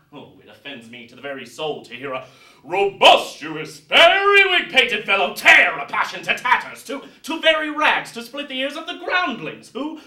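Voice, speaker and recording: A man's voice: high-pitched, full character voice. Guy doing hamlet as a fiery fussy prince, stagey shakespeare speech, swings up and down, far from mic. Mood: indignant. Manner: declamatory, swelling to loud outbursts. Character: Hamlet, impassioned, exacting prince coaching stage players. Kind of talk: theatrical Shakespeare monologue. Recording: roomy echo, distant mic.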